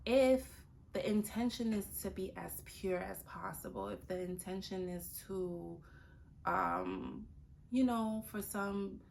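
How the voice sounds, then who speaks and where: A woman hosting a casual motivational talk, earnest and repeating her points for emphasis, rising high in pitch when she acts out what others say. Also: very animated, slow, creaky, a little mellow, a little hiss or hum. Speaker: host.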